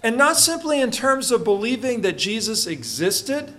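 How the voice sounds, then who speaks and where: A man's voice: extremely high pitch, big pitch swings, moderate pace, sharp tone. A male pastor preaching a sermon at a pulpit microphone in a church, reading scripture and then explaining it with frequent "uh" fillers.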